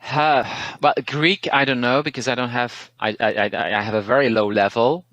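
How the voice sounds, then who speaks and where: In a dry recording, a language teacher from Belgium walks through study tips as casual advice during an interview. Dutch is his first language and he carries a Belgian Dutch accent. His mid-range voice sounds relaxed and thoughtful, with pauses and restarted words.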